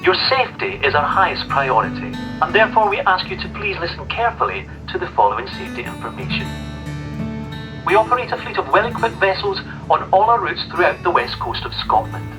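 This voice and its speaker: A man giving a formal, measured ferry safety announcement over a ship's public address system. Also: high voice, big pitch swings. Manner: formal, measured and carefully spoken. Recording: distant loudspeaker with loud music.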